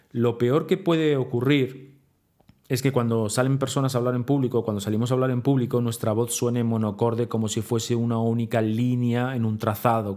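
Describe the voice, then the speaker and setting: With a medium-pitched, darkish voice, a man gives a video lesson on public speaking and addresses the viewer head-on. He asks himself rhetorical questions and answers them, purposely exaggerating his pauses and intonation to show how it's done.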